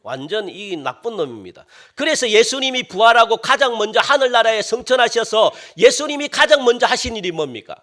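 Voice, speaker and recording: A man preaching a sermon as pastor, with lively swings between loud exclamations and quiet asides. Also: very high-pitched, brisk, few pauses.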